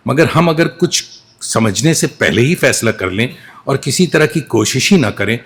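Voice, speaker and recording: A man's voice: mid-range voice, slightly rough. A man playing a devoted, anxious young mother. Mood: earnest pleading. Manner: emotional, tender monologue that shifts to pleading. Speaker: solo stage actor. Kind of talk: solo stage monologue. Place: restaurant event hall in Doha, live performance.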